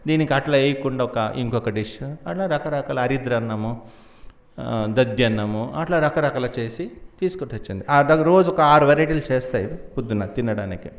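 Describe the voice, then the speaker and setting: A man's voice: mid-range voice, normal speed, roomy sound. A man preaching a devotional story in a playful way, laughing often and acting out the characters.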